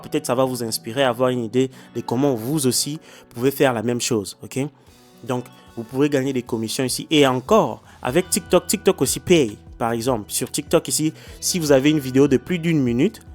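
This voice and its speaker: Un homme qui explique la monétisation des réseaux sociaux dans un tutoriel vidéo décontracté, avec beaucoup d'hésitations et de « ok ? » adressés au public. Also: male voice, medium pitch. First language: not English, stumbles on English words. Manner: hesitant, many fillers and restarts; addresses viewers directly, repeating "ok?". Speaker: YouTuber explaining social media monetization. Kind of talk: casual tutorial vlog with screen demo. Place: indoors, lives in China.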